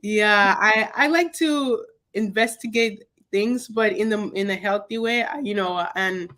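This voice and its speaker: A young woman from Cameroon, a guest on a video call interview, speaking in a reflective, soft-spoken way with many fillers. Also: mid-range voice, unhurried. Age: young adult. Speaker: guest, podcast host.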